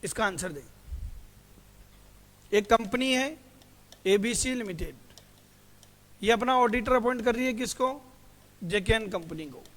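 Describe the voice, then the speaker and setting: A man's voice: high voice, animated, measured pace, pauses often, a bit bright. A male teacher giving a classroom lecture who keeps asking his students questions, answers them himself, and calls them "beta". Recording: hall reverb.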